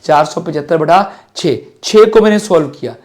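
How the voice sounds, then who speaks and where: A man's voice: a little high, animated, normal speed, a little mellow. A middle-aged man with a Hindi accent teaching exam-prep maths, slightly sore-throated, asking questions in a student's voice and then answering them himself. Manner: asks and answers his own questions as a student.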